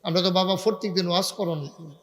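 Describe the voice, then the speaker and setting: A preacher, chanting rising lines and quizzing the crowd over a PA microphone. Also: male voice, high-pitched, steady tone, fast. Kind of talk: sermon with call-and-response. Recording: echoey loudspeaker sound in a large hall.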